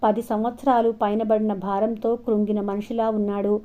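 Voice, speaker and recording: A woman reads a novel aloud in a steady, expressive storytelling voice. Her tone is mellow and warm. The recording sounds dull and lo-fi. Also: mid-range voice, normal speed. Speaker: narrator. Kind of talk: novel reading.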